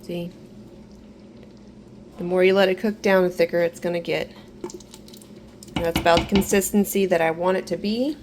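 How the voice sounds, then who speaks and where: A woman getting over an illness, talking through a kitchen canning tutorial in a relaxed, instructive way and repeating reminders. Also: lowish voice, normal speed, pauses often, background noise. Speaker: home canning vlogger. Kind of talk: casual step-by-step kitchen tutorial. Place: home kitchen.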